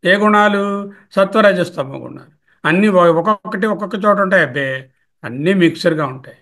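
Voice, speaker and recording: A man's voice: high-pitched, fairly bright tone. A man explaining a Sanskrit hymn verse by verse in a lecture, asking questions and answering them himself. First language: Telugu. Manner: repeats verse words slowly, glossing each. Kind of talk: scholarly commentary lecture.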